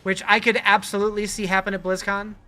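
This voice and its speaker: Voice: mid-range voice, flat delivery, fast, bright, forceful tone, slight background noise. A game streamer chatting casually and answering viewers' questions in a conversational way. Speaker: livestreamer. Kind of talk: casual live-stream chat while gaming.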